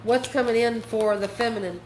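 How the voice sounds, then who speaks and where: Her voice is slightly high and fairly even in intonation, moving at an ordinary speed. As the channel's host and tarot card reader, she does an informal reading full of folksy emphasis and endearments for the audience, recorded in an echoey room with faint background noise.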